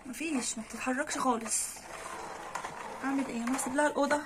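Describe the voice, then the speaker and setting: Vlogging indoors from her apartment, a woman with an Egyptian Arabic accent talks straight to her viewers in casual commentary, exclaiming anxiously. Her voice is high-pitched and steady, she speaks fast, and there's background noise.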